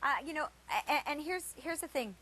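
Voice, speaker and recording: A high-pitched woman works as a home shopping host, presenting live in a casual style. She talks chattily and pokes fun at herself as she goes. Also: lively intonation, normal speed, bright, forceful tone. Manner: chatty, self-deprecating.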